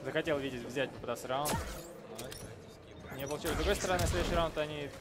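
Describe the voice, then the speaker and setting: A man with a fairly high voice does live fighting game commentary. Loud music plays right behind his voice throughout. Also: quick pace. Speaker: esports commentator.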